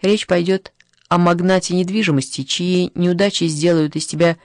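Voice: medium pitch, fairly even intonation, moderate pace, no echo, studio quality, natural voice. An audiobook reader voicing a flustered, evasive young man who turns out to be the devil's envoy, sheepish and playful in manner. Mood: teasing.

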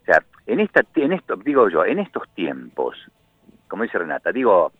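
An impassioned Argentine man rambles indignantly in a low voice over a tinny phone line. He sounds dry and close, with no room around him. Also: huge pitch swings, moderate pace, husky, no room sound. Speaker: radio correspondent. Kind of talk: phone-in radio commentary.

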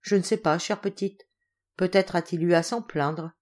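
A woman doing a gentle weary mother. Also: lowish voice, normal speed, close to an everyday voice. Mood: tender. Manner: soft, tender, resigned. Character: gentle sad widowed noblewoman mother.

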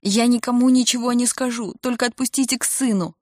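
A woman's voice: on the high side, fairly even intonation, a little fast, a little mellow, no echo, studio quality, close to an everyday voice. A woman voicing a frightened young mother who pleads and cries out to her kidnappers. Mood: desperate pleading. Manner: pleading, crying out.

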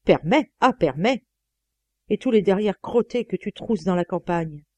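A woman's voice: mid-range voice, expressive, a little slow, a little mellow, dry recording. A woman reading the lines of a jealous wife who speaks in an insistent, reproachful way. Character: jealous, sharp-tongued middle-aged wife.

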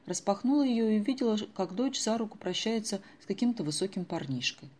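A woman narrating an audiobook in an even, measured storytelling manner. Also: mid-range voice.

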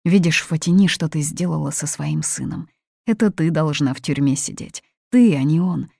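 A woman's voice: sits low, normal speed, vocal fry, mellow, husky, no room sound, clean studio sound, heavily acted. A woman voicing a fearless young woman who speaks hard and cutting as she confronts a family. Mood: cold, firm.

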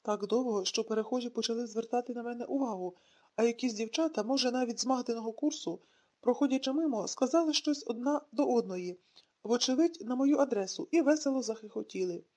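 A woman narrating an audiobook in a calm, reflective storytelling manner. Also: on the high side, fast. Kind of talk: scripted narration.

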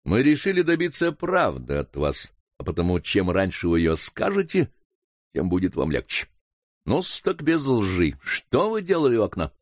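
A man's voice: on the low side, sing-song, normal speed, a little mellow, dry recording. A man reading an audiobook voices a stern young baronet who speaks commandingly. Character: stern young male baronet, demanding answers.

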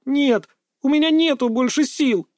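A man's voice: very high voice, a little fast, darkish tone, dry recording, studio quality, pitched above the performer's own voice. A man reading an audiobook voices a tired, stubborn teenage girl trainee who talks back sulkily and hisses through her teeth. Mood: defiant. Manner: breathless, sulky, hissing through teeth. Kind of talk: audiobook character voicing.

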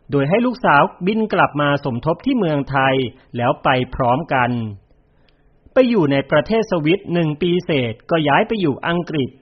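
Man reading a memoir, lively tone. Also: on the high side, slightly rough. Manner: measured, storytelling. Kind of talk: audiobook narration of a memoir. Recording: dull lo-fi recording.

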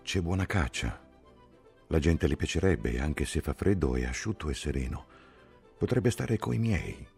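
A man voicing a gentle, soft-spoken army chaplain who talks quietly and mildly. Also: extremely low pitch, animated, unhurried, creaky, soft background music, heavily acted.

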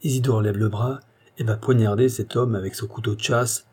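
A man narrating a historical novel as an audiobook, with steady, dramatic storytelling. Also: on the low side, brisk, husky. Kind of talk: scripted narration.

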